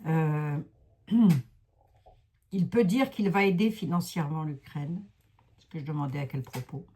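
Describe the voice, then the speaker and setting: A woman's voice: deep voice, unhurried, dark tone, breathy edge. A woman with a Lorraine accent reading tarot cards in a chatty, self-mocking way, talking to her viewers. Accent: Lorraine French. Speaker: psychic card reader. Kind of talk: casual card-reading livestream.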